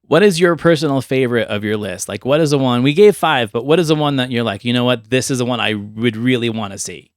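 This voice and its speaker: A middle-aged man hosts a casual podcast about films and games, chatting with enthusiastic storytelling flair. His medium-pitched voice moves quickly in a studio-quality recording with no room sound.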